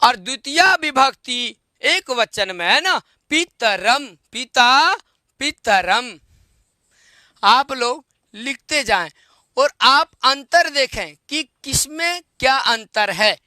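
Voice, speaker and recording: A male Sanskrit teacher giving an online grammar lesson. He repeats word forms, quizzes his students with questions and chants the declensions slowly in a sing-song way. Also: extremely high pitch, lively intonation, sharp tone, dry recording, studio quality.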